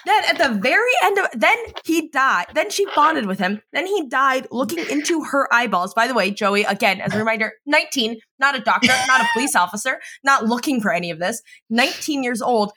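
Woman podcast co-host, casual recap chat, swears freely, laughs a lot, bright tone, lively swings in pitch. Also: a little fast, few pauses, slightly rough. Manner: animated, profane, laughs often.

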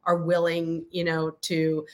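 A woman's voice: deep voice, monotone, takes it slowly. A woman in her fifties, a guest in a podcast interview, explaining at length with many fillers and restarts. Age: 50s. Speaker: interview guest, company spokesperson. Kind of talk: casual interview chat.

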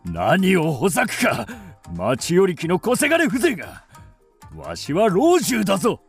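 A man voicing an arrogant, scheming older senior official in a period audio drama, with a husky voice. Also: high-pitched, wildly swooping pitch, measured pace, soft background music, exaggerated voice. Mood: outraged. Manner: blustering, haughty, collapses into a broken cry.

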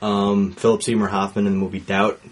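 A man in a casual movie discussion, giving measured, hedged opinions. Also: lowish voice, flat delivery. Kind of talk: casual movie podcast chat.

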